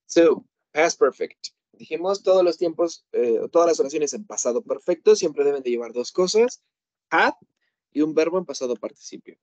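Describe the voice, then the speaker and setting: A man's voice: on the high side, animated, normal speed, no echo, muffled recording. A man teaching English grammar to a class, explaining with everyday examples and checking in often.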